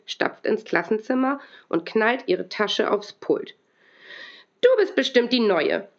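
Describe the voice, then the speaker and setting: Woman reading a kids' book aloud, pitch bounces all over, dull lo-fi sound. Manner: lively, expressive storytelling. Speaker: school librarian reading aloud. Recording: dull lo-fi recording.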